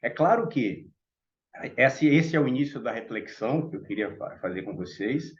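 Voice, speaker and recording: A man from Salvador with a Bahian Brazilian Portuguese accent speaks on a panel at a Theosophical meeting, giving a reflective talk full of asides aimed straight at the audience. His mid-range voice is expressive and moves at normal speed. The recording is muffled, with a little hiss or hum.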